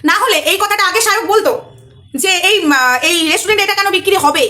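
A woman's voice: very high-pitched, animated, fast, pushed and bright. A woman vlogger giving an indignant, repetitive, lecturing commentary to her viewers. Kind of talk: emotional commentary vlog.

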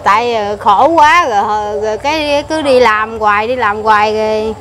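A woman's voice: on the high side, normal speed, fairly bright tone. A young woman with a Southern Vietnamese accent, talking casually in an interview and often repeating words as she searches for them. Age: young adult. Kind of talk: casual conversation.

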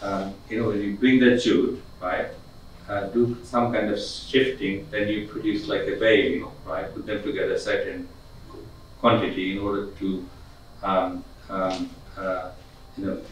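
A middle-aged man, a guest lecturer, addresses an audience in a community conference room, hesitating often with fillers and restarts. His voice is fairly low and level at a moderate pace. A distant camera mic picks him up, so the room sounds echoey, with a faint hiss.

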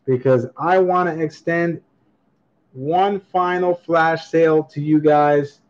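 Male livestream auction host, unhurried casual chat, chatty and upbeat, dull webcam sound. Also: a little high, steady tone. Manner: upbeat, reads chat comments aloud and laughs often. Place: indoor room at a table with coins, voice off camera. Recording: slightly dull lo-fi webcam audio.

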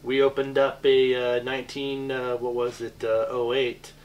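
A man's voice: mid-range voice, little pitch movement, normal speed, a little mellow, lo-fi sound. A middle-aged man, a beer bar owner, chatting enthusiastically and laughing often while giving a tour of his basement cellar. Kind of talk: casual chat. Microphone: on-camera mic of a handheld camcorder. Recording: noisy camcorder audio.

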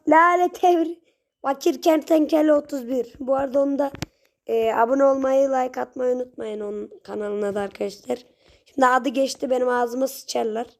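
A young woman giving casual gameplay commentary, chatty with her viewers and prone to sudden shrieks and yells at the game. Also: a little high, vocal fry. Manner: chatty, talks straight to viewers. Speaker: gaming channel host.

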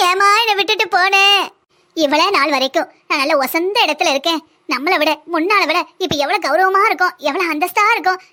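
A woman's voice: very high-pitched, sharp tone. A woman voicing an aggrieved village mother in a cartoon, with a southern Tamil accent, lamenting and scolding at length. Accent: southern Tamil (Kanyakumari-Tirunelveli). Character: aggrieved village mother, brooding and sharp-tongued. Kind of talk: cartoon voice acting.

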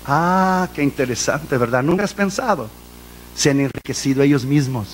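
A man's voice: a little high, lively intonation, moderate pace, slight background noise. A man preaching a fervent sermon to a congregation, telling a personal testimony and dropping English phrases into his preaching. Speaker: evangelist preacher.

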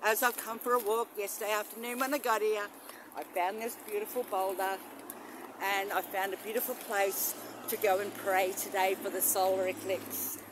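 With a level tone at a moderate pace, a middle-aged woman chats to her phone camera in a mid-range voice, rambling and gently enthusiastic with the odd exclamation. A vlogger and spiritual practitioner, she is out in bush and a shallow rock cave, filming on a selfie stick with an attached mic. Traffic noise fills the outdoor phone audio.

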